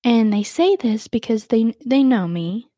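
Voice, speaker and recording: A young woman talks casually into a close microphone in a dry, dead room, her voice warm and mellow. She tells her story in a chatty, everyday way and scatters "like" through her sentences. Her voice leaps up whenever she plays out what other people said. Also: lively intonation, a little slow, dry recording. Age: young adult. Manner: chatty, full of "like" fillers, jumps high when acting out others' words. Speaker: podcast host.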